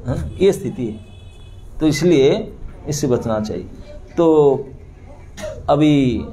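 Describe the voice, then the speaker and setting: A man's voice: high-pitched, slight background noise. A man giving a storytelling sermon in a temple hall, acting out the characters as he explains scripture to a seated audience. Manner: animated, acts out the characters' crying and pleading with laughter. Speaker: preacher.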